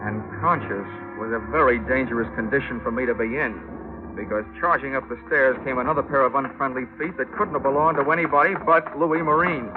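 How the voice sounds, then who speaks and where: An actor playing Johnny Dollar, a wisecracking American insurance investigator, in 1940s radio drama style. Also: male voice, mid-range voice, a little fast, natural voice. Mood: tense wry narration. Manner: wry, slangy, hardboiled. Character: wisecracking hardboiled male insurance investigator narrating his case. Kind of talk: 1940s radio detective acting and narration. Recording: dull vintage radio recording with loud music.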